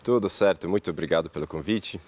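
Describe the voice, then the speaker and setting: A man from Poland with a Polish accent, a company CEO interviewed as a guest, talking in a pragmatic, optimistic, measured way. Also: low voice, a little mellow.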